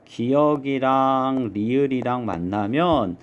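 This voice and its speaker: A man teaching an exam review lesson, explaining step by step and slowly modeling each pronunciation. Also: medium pitch, highs cut off.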